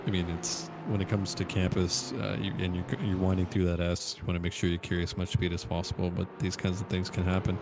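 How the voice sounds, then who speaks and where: A man's voice: low voice, little pitch movement, fast talker, hardly any pauses. A man giving casual analysis and chat as a racing co-commentator. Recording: clear car noise behind voice. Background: car engine and race ambience.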